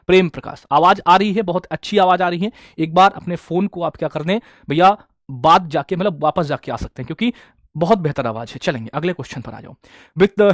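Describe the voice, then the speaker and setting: A man's voice: on the high side, no room sound, clean studio sound. A man teaching a live online exam-prep class, quizzing students and repeating each answer.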